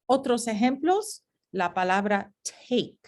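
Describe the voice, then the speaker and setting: Woman, slide lecture, slow measured pace, repeats sounds for drill, mixes in English. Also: on the high side, big pitch swings, darkish tone. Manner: switches between Spanish and English. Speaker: teacher.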